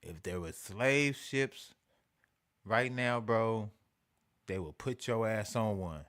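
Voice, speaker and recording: A man hosting an animated commentary rant, repeating himself emphatically with profanity and mocking asides. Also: lowish voice, slow pace. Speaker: show host.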